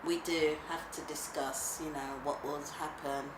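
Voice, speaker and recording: A woman's voice: sits low, little pitch movement, unhurried. Emotional woman in an echoey room. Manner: warm, emotional, laughs easily. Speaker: interviewee, mother and grandmother. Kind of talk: casual documentary interview. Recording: echoey room with background noise.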